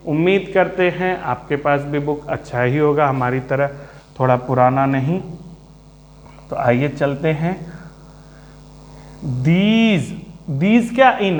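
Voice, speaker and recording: Male teacher, slow calm delivery, repeats terms, high lively voice, long room echo. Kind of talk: Hindi-English literature lesson. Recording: echoey room.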